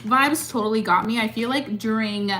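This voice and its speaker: Her voice is a little high and sharp, moderately paced, as the young woman in her twenties puts on makeup and replies to her live chat. The talk is casual and upbeat, packed with "like" and "um."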